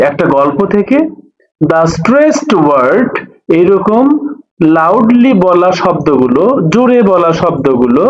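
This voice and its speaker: Male tutor, high animated voice, unhurried, dull lo-fi sound. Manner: reads English phrases slowly, then explains in Bengali; repeats and rephrases each point. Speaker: English teacher. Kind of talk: explaining a textbook lesson.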